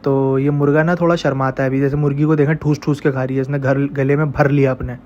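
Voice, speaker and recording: A man with a blocked-up, congested voice talks through a casual home vlog, calling the animals over in an even, unvarying tone. The sound is slightly dull, with faint ambience behind him, as if picked up on a handheld phone in an animal pen. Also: mid-range voice, quick pace, a little hiss or hum. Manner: chatty, coaxing the animals directly. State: congested and stuffy. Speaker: vlogger raising goats and chickens at home. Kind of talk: casual narrated farm vlog.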